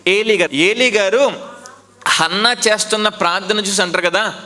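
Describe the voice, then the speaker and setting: A male pastor preaches with a high, bright voice. He drives the sermon with emphatic repetition, rhetorical questions and call-and-response. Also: moderate pace.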